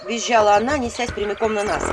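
A woman reading a storybook aloud in a lively, flustered first-person telling. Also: medium pitch, fast talker, noisy background. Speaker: audiobook reader. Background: background music.

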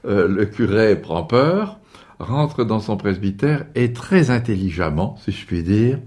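A man's voice: fairly low pitch, lively intonation, unhurried, a little mellow, husky. A historian interviewed for a documentary, a man explaining patiently with some fillers.

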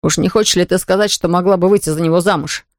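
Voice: medium pitch, steady tone, fast, dry recording, clean studio sound, close to an everyday voice. A reader voicing an ardent young man who earnestly begs his sweetheart. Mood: imploring. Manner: earnest, imploring.

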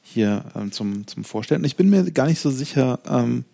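A man co-hosting a casual podcast, talking hesitantly and thinking aloud, with lots of pauses and restarts. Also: mid-range voice, animated, creaky, mellow. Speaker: podcast co-host. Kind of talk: casual chat.

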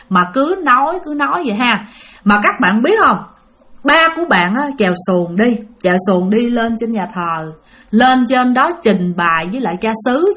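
A woman's voice: on the high side, fairly bright tone. Chatty woman storyteller. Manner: chatty, addresses listeners directly. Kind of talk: spoken ghost story narration.

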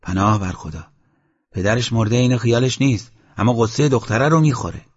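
A man's voice: medium pitch, lively intonation, husky. A man reading the lines of a wise, pious village man in an audiobook, in an earnest way, on a dull lo-fi recording.

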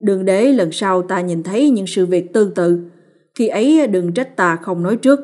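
A woman's voice: lowish voice, a little slow, lightly acted. A woman reading the part of a stern old male village shaman in a storybook ghost tale, speaking in harsh, commanding orders. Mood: warning.

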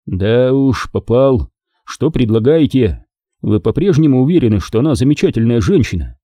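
A man's voice: medium pitch, lively intonation, normal speed, mellow, dry recording, close to an everyday voice. A man voicing a tired, grumbling army captain with a dry wit in an audiobook. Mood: wry.

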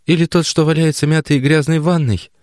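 A man voicing a frantic young woman hunting for her missing son, pleading and close to shouting in an audiobook. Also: a little high, fairly even intonation, fast talker, no echo, pitched above the performer's own voice, natural voice. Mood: desperate. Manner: pleading, strained, on the edge of shouting. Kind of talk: audiobook character voice.

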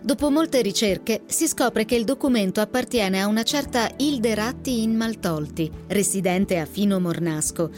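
A woman radio presenter giving a measured, scripted introduction to a novel. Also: medium pitch, a little mellow. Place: radio studio.

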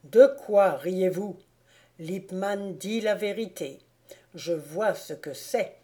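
A woman voicing a stern elderly male schoolmaster in an audiobook, scolding loudly and with biting irony. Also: on the low side, takes it slowly. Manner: thundering, ironic scolding. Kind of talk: audiobook character voice.

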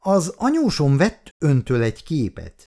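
A man's voice: a little high, wildly swooping pitch, darkish tone, voice pushed up. A man voicing Irén, a timid wife who speaks hesitantly and is easily shocked.

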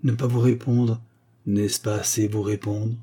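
A shy, witty young woman speaking quietly, as a male narrator reads her lines. The voice is low, soft and husky. It sounds like a gentle storybook heroine. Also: level tone, a little slow.

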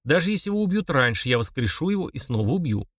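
Brief: man doing a grim middle-aged ex-soldier dad, cold, clipped, quietly threatening, dry close audiobook read. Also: on the high side, sing-song, quick pace, breathy edge, no echo, pitched above the performer's own voice, full character voice. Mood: quiet menace.

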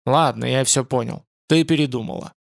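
A man voicing a proud, gruff young loner with a dark reputation, speaking bluntly and dismissively. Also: medium pitch, moderate pace, dry recording, studio quality, natural voice.

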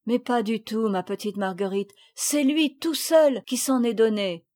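A woman voicing an earnest, brave older boy in a storybook reading, with a warm, protective manner. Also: fairly high pitch, unhurried, close to an everyday voice. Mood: tender.

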